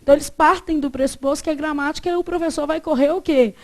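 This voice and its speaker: High-voiced, animated Brazilian woman teacher. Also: quick pace. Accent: Brazilian Portuguese. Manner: animated, emphatic, stretches out syllables when spelling; acts out quoted dialogue in lively voices. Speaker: Portuguese teacher. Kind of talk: classroom lecture.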